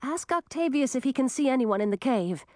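Woman voicing calm steady Audun. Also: high voice, brisk, no echo, clean studio sound, voice pushed up. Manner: calm, practical.

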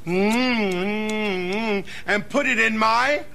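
A man's voice: high-pitched, slow, creaky, pushed and bright, full character voice. An actor playing a bumbling, eager old magician in a sitcom, with theatrical showman's patter. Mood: showy. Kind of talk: sitcom acting. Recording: noisy studio audience ambience.

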